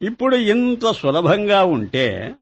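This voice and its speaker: A man's voice: high-pitched, big pitch swings, slow, slightly rough. A man speaking into a microphone as a spiritual teacher, giving a discourse full of rhetorical questions and teasing scolds.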